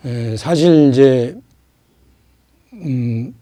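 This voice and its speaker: A man's voice: mid-range voice, warm tone, dry recording. A man of about sixty, a guest on a political talk show, speaking emphatically and asking rhetorical questions. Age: around 60. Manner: emphatic, asks rhetorical questions, drawn-out pauses.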